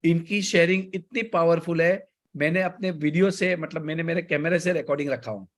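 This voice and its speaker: An Indian-accented male coach leads an online lesson in a blend of Hindi and English, deliberately changing speed and loudness and letting key points sit with a pause. His pitch runs a little high.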